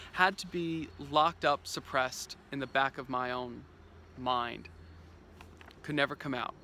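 A man in his thirties giving an earnest, reflective vlog monologue outdoors on a wooded trail, filmed with a camera held at arm's length. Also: on the high side. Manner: earnest and expressive, with dramatic pauses. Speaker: vlogger.

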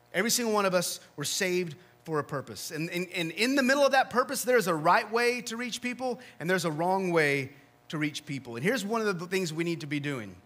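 Bright-voiced man preaching a sermon. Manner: earnest preaching, drops soft and low for emphasis. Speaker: pastor. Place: church sanctuary.

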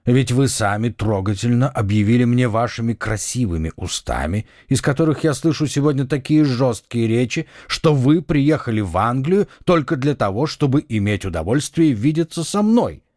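A man voicing a mocking aristocratic lord in an audiobook, slow and sarcastic. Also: medium pitch, lively intonation, a little mellow, no echo, studio quality, lightly acted. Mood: sardonic. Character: mocking aristocratic lord, middle-aged, sardonic. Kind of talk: audiobook character reading.

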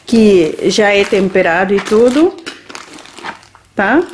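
A woman's voice: medium pitch, a little hiss or hum. A woman, talking through her grocery shopping in a home kitchen, listing items unhurriedly and ending phrases with little checking tags. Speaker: vlogger. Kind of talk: grocery haul vlog.

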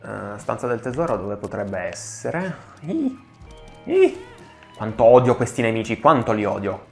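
A man hosting a gaming channel, giving excitable let's play commentary, swearing and pleading with the enemies on screen. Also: lowish voice, moderate pace, creaky, faint music behind.

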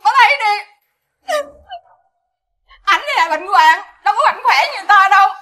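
Brief: tearful, defiant Southern Vietnamese daughter-in-law, very high and bright voice. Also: female voice, lively intonation, quick pace, heavily acted. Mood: aggrieved. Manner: pleading, emotional.

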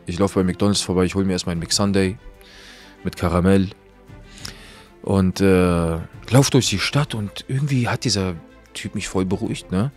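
A young man telling a story in a casual, slangy monologue, swinging between loud outbursts and hushed asides. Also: sits low, moderate pace, faint music behind.

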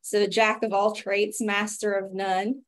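A woman's voice: mid-range voice, level tone, takes it slowly. A woman in her thirties with an Appalachian accent, hosting and presenting a webinar as a physician over a video call. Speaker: webinar host, physician and pharmacist.

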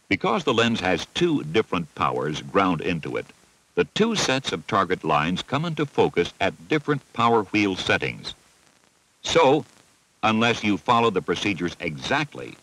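A deep-voiced American man reads a scripted training-film narration in a voice-over recording. He's methodical and instructive, his lively rise and fall marking off each step, though the recording is rough.

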